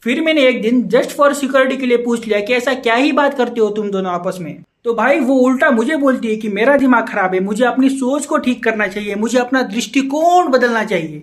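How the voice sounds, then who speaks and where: A man's voice: extremely high pitch, animated, brisk, hardly any pauses. Ranting young boyfriend, played by a man. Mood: complaining. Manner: ranting, badgering with repeated questions. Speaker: comedy sketch performer playing a jilted boyfriend. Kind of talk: Hindi comedy sketch dialogue.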